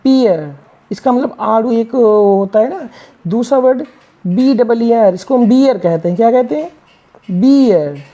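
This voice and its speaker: A woman with a somewhat high, warm, mellow voice teaches English reading. She spells each word letter by letter and asks questions that she answers herself. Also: expressive, unhurried, lo-fi sound. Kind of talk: classroom-style reading lesson.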